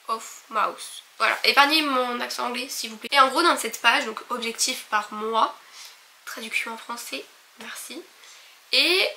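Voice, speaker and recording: Bright chatty young woman vlogging. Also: fairly high pitch, slight background noise. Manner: chatty, many fillers and restarts. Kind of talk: casual vlog chat. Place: her own apartment bedroom.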